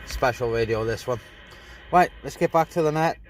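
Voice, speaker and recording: A British man with a mid-range voice talks at a normal speed, offering casual, informal running commentary as he sets up radio gear. He's a CB radio hobbyist vlogger on a windy hilltop beside a vehicle. The handheld outdoor recording is windy and noisy, with wind and radio noise behind him.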